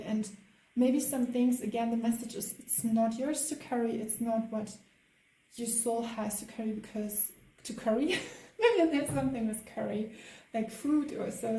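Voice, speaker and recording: A woman's voice: fairly high pitch, reverberant, poor audio. A woman with a German accent doing a spiritual tarot reading, hesitant and full of fillers. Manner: hesitant, many fillers, soft laughs. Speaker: tarot card reader.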